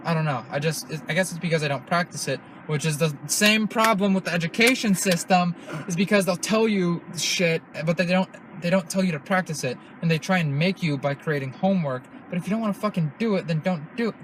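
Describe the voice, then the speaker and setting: A man's voice: a little high, noisy background. Young man, rambling and profane. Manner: rambling, profane, restarts often. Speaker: podcast host. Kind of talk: casual podcast chat.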